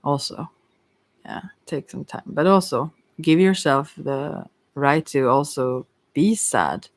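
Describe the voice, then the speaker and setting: Speaking slowly in a mid-range voice, a tarot reader on an ASMR livestream shares easygoing, gently supportive spiritual advice. She wanders hesitantly from point to point, often leaving thoughts unfinished, and the recording is dry.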